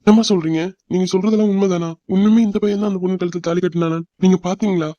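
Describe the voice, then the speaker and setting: A man voicing a kindly old grandfather, rapid. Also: high-pitched, flat delivery, warm tone, lo-fi sound, close to an everyday voice. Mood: concerned. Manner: concerned, questioning.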